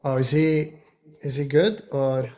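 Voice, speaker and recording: A man's voice: mid-range voice, steady tone, a little slow, warm tone. A man hosting a livestream, asking questions in a casual, hesitant way with frequent fillers. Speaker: livestream host. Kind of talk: casual chat.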